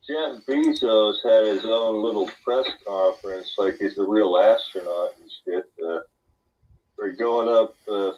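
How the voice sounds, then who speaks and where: Cussing guy ranting on a call, kinda husky, far off and muffled. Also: lowish voice, a little mellow. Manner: ranting, swears a lot. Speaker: co-host. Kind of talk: profane casual banter. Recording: distant muffled remote line.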